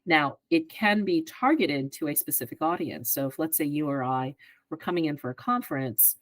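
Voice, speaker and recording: A woman in her fifties, a guest on a podcast, explaining her work in a measured way and often checking in with "right?". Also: low voice, no echo, low-quality recording. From greater Philadelphia area. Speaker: advertising executive guest. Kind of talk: podcast interview answers.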